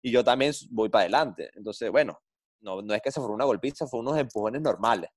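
A middle-aged man, a former footballer telling blunt, animated stories in an interview. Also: on the low side, quick pace. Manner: blunt, animated storyteller with slang. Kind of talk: interview storytelling.

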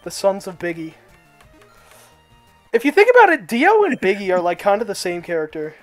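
High-voiced young man, dry teasing. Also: wildly swooping pitch, normal speed, soft background music. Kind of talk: casual gaming chat.

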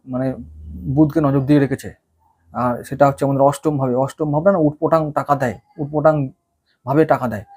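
A man's voice: fairly high pitch, darkish tone, breathy edge. A man giving a casual, folksy weekly horoscope talk as an astrologer, full of rhetorical questions.

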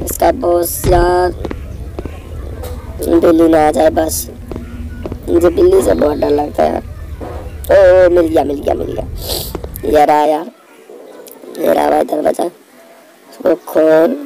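A young man, hoarse from a cold, giving jittery live commentary on a horror game, repeating words in quick bursts. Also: a little high, flat delivery, mellow, a little hiss or hum, poor audio. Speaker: gaming channel host.

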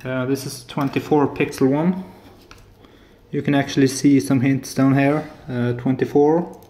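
This is a soft-spoken hobbyist maker from Norway, in his thirties and with a Norwegian accent, presenting a casual tech demo of a hobby electronics build at home. He speaks unhurriedly at medium pitch with little pitch movement, hesitating and filling gaps with lots of filler sounds. The echoey audio was captured indoors in his apartment living room and kitchen.

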